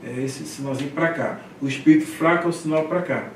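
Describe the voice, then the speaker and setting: A man's voice: on the high side, a little hiss or hum. A man teaching a Greek lesson, patiently reading words aloud and checking in with his students. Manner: slow, patient, drills single words and checks in with "tá?". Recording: echoey room, mic far off, faint ambience.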